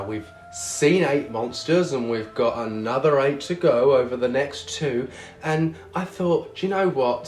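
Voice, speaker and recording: A man hosting a show as a drag queen, with a camp, cheeky, theatrical manner. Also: mid-range voice. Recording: roomy echo on the voice.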